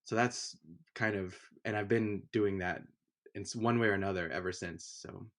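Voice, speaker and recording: A man's voice: fairly low pitch, moderate pace. A young man from Honduras, a music producer, talking casually in an interview with plenty of fillers and restarts. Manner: relaxed, rambling with many fillers. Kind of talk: conversational interview.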